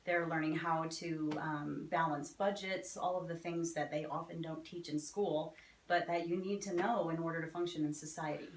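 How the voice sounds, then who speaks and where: Chatty New Jersey woman, lower voice. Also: fairly even intonation, moderate pace. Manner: chatty and upbeat, laughs easily. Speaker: author, interview guest. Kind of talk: casual interview chat. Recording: roomy with faint background noise.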